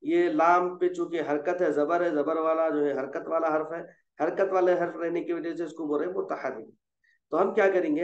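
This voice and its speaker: Coaxing his student through Quran reading, a man with a high voice elongates each letter during patient tutoring over a call. He corrects softly and keeps repeating until it sticks, and his voice has a roomy, slightly dull, lo-fi quality.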